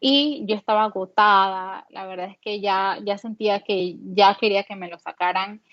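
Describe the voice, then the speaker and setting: A woman's voice: mid-range voice, moderate pace, no room sound. Panamanian lady, young, candid chatty storytelling, lots of "eh", kinda dull lo-fi audio. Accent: Panamanian Spanish. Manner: candid, animated retelling with many fillers. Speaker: guest mother. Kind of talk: personal storytelling.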